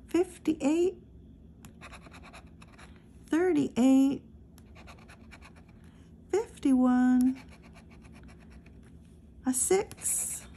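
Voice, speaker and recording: A woman hosting a scratch-off ticket channel, reading numbers one by one in a slow, steady casual narration, recorded close indoors. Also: high voice, slight background noise. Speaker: lottery scratch-off channel host.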